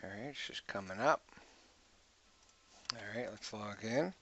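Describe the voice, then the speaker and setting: A man's voice: fairly low pitch, expressive, measured pace, a bit bright, a little hiss or hum. A man giving a casual screen-recorded tech walkthrough, thinking aloud and muttering to himself as he clicks. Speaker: IT tutorial host.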